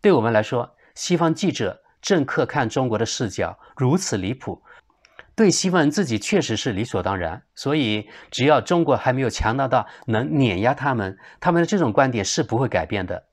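A man's voice: mid-range voice, very animated, brisk. Man from China, video blogger reading a translated editorial, mid-range voice, scornful indignant asides.

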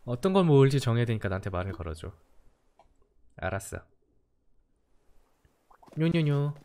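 A game streamer with a warm, medium-pitched voice talks fast and swings widely in pitch while chatting casually through a let's-play. The mood is playful and teasing, with jokey swearing and plenty of gushing over cute characters.

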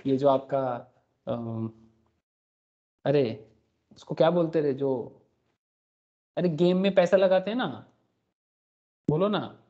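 A man's voice: fairly high pitch, takes it slowly, pauses often, warm tone. Man teaching a class, lo-fi call recording. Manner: explains with rhetorical questions and frequent checks. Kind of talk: online class lecture. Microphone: computer mic on a recorded video call. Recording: dull lo-fi meeting recording.

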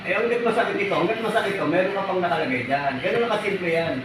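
High-voiced man acting as a folk healer, firm and scolding, repeating commands again and again. He is heard from a distance in an echoey space with loud background noise. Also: rapid-fire. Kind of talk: ritual healing commands. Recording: echoey, distant, noisy ambience.

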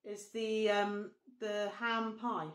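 A woman's voice: medium pitch, little pitch movement, slow, echoey room. A woman co-hosting a casual vlog, chatting and reading recipes out aloud. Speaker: vlog co-host. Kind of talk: casual chat.

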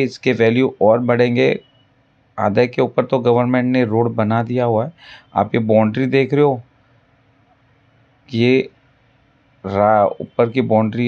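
Man pitching land in a voice-over. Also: a little mellow, muffled recording. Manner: pitchy, repetitive salesman patter. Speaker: land broker. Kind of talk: property sales voice-over. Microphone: voice-over over drone footage.

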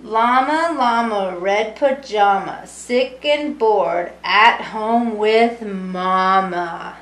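Reading a rhyming picture book to young children in a singsong way, this middle-aged storyteller draws out her words and pauses for small explanatory asides. Her mid-range voice has a fairly bright tone. She studies early childhood education, and she's recorded at home in a small, echoey room with a brick wall.

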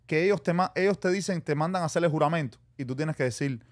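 A man, his voice sitting somewhat high, tells a long story on a podcast. He slips into the voices of the people he talks about and keeps calling his listeners "brother". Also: fast. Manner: animated storyteller acting out quotes, calls listeners "mi hermano". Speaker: podcast guest. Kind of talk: casual storytelling chat.

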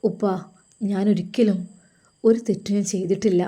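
A woman voicing a calm, fearless young male religious teacher reassuring his family in an audio story. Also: mid-range voice, moderate pace, slightly rough, natural voice.

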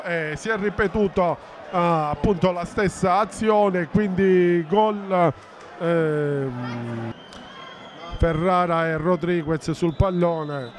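Male football commentator, high register, breathless and urgent, noisy outdoor ground. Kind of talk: excited Italian football highlights commentary. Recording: noisy open-air stadium ambience.

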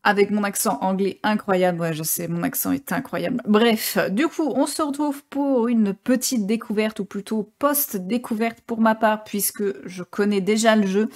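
A woman's voice: medium pitch, moderate pace, hardly any pauses, a little mellow. A woman gaming streamer giving casual gameplay commentary, chatty and joking with many hesitations.

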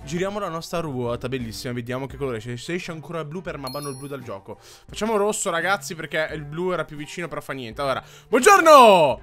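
A man in his thirties giving lively game commentary to his viewers, exclamatory and mock-exasperated. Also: a little high, quick pace, few pauses. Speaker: gaming YouTuber host.

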